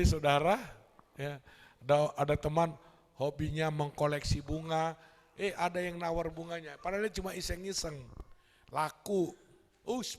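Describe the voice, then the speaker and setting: A male pastor preaching a lively Sunday sermon, acting out quoted voices and calling the congregation brothers and sisters. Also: on the high side. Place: large church hall. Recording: long church hall reverb.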